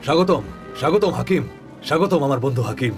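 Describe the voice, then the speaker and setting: A man voicing a friendly, welcoming merchant host in a dubbed drama, with a husky voice. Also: medium pitch, animated, a little fast, over music, natural voice. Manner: welcoming, hearty.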